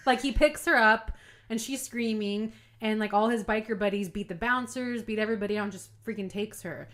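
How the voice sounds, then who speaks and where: A woman's voice: mid-range voice, brisk, fairly bright tone. A woman co-hosting a horror podcast, enthusiastically gushing about films and saying "like" a lot. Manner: gushing, enthusiastic, heavy use of "like". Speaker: podcast co-host. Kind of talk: casual chat.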